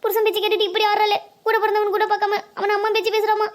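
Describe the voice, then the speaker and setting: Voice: extremely high pitch, monotone, very fast. A performer voicing a fond, scolding older village grandmother in a cartoon. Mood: grieving. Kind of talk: cartoon voice acting.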